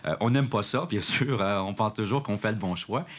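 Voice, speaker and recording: A man's voice: on the low side, moderate pace. A man, a stage director who speaks reflectively and hesitantly in an interview. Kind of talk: documentary interview.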